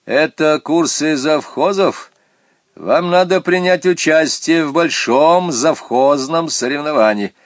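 This is a stern, officious caller from a storybook, voiced by a man in a lifted, loud voice. He lays down orders slowly and bureaucratically, heard dry and close. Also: on the high side, dry recording, voice pushed up. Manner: strict, bureaucratic.

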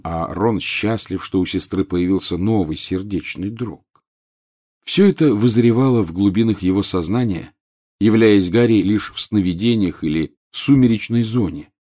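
A man reading an audiobook aloud in an even, measured narrating style. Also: lowish voice. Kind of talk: scripted narration.

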